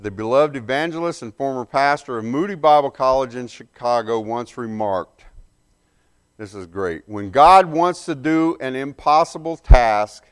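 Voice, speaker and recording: A man preaching an earnest, emphatic sermon, pausing and correcting himself as he goes. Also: mid-range voice, clear, resonant tone.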